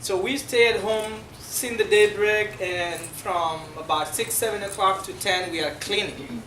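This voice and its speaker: A middle-aged man from South Sudan with a South Sudanese accent and Dinka as his first language, giving a halting, explanatory classroom presentation full of fillers. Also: high-pitched, sharp tone. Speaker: guest speaker. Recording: echoey room from far off, noisy.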